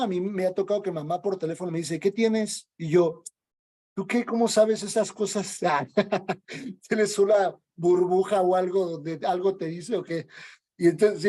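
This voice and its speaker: A man delivers a sermon in a high, mellow voice. He keeps it conversational and acts out the quoted exchanges as he goes. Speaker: preacher.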